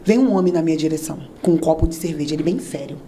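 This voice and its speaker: A woman telling a church testimony with animated storytelling, acting out the voices of the people and prayers she quotes. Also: low-pitched, very fast, slight background noise. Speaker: testimony speaker.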